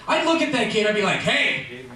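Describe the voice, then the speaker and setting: A middle-aged man doing a stand-up comedy routine at a live venue, animated and acting out characters in quick voices. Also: high-pitched, a crowd in the background. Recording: echoey distant live room mic with noise. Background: audience laughter.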